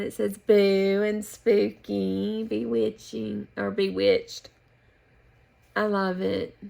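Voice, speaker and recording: Slow, gravelly-voiced American woman chatting. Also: medium pitch. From United States. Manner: relaxed, meandering, with pauses and restarts. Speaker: flosstube host. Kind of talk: casual show-and-tell chat. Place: at home.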